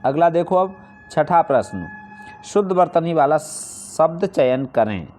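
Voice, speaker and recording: A man's voice: on the high side, lively intonation, a little slow, a little mellow, a little hiss or hum. A man teaching a Hindi spelling lesson, explaining each answer step by step and posing questions he then answers himself. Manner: repeats key points for emphasis. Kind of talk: online exam-prep lesson.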